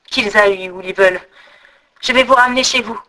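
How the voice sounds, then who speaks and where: A woman's voice: medium pitch, brisk, pushed and bright, close to an everyday voice, poor audio. A woman voicing a strong, brave young man in a storybook tale, speaking firmly and with determination. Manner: firm, determined speech.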